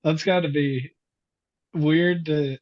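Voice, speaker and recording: A man's voice: fairly high pitch, fairly even intonation, slow pace, muffled recording. A man guest on a comedy podcast, laid-back, dropping brief dry remarks in casual chat.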